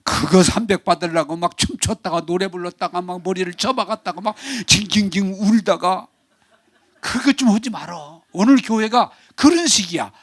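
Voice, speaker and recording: An older male pastor preaches with a lively, animated delivery, sometimes acting out pleading voices and leading the congregation in call-and-repeat. His voice sits high for a man. The sound is dry, with little room echo. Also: normal speed. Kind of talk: sermon.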